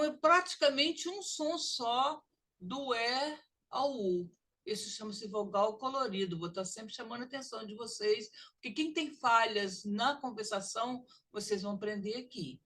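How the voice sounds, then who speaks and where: Brazilian woman, higher voice, slow deliberate phonics teacher, over-articulated sounds. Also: fairly bright tone. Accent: Brazilian Portuguese. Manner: drawn-out, exaggerated model sounds. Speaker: literacy teacher. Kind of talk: pronunciation lesson.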